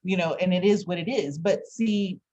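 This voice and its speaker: Casting: woman interviewer, slightly low voice, reflective, halting, conversational explanations. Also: dark tone, muffled recording.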